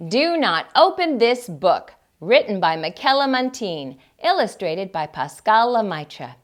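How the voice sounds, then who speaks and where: A woman with a mid-range voice hosts a children's storytime, reading a picture book aloud expressively at a measured pace with big pitch swings. She puts questions to her young viewers as she reads.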